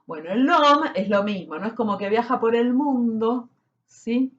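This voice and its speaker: A woman giving a slow, explanatory spiritual lesson, often checking in with her listeners. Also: on the high side, highs cut off. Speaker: spiritual teacher. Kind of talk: slow explanatory teaching talk.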